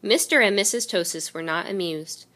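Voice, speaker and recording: A woman reading a children's picture book aloud in an expressive storytelling way. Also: medium pitch, moderate pace. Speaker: reader.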